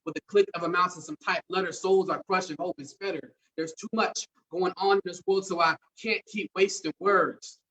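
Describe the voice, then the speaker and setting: A man with a high voice performs spoken word poetry, recorded a little way from the mic. He speaks in a measured, emphatic way as an open mic poet. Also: steady tone, bright, forceful tone. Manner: measured, emphatic, wordplay-driven delivery. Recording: distant mic at live event.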